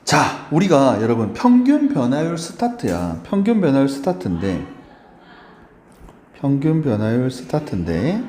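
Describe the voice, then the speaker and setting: A male math teacher giving a lively lecture, chatty and often checking in with his students. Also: fairly high pitch, slight background noise. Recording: roomy echo.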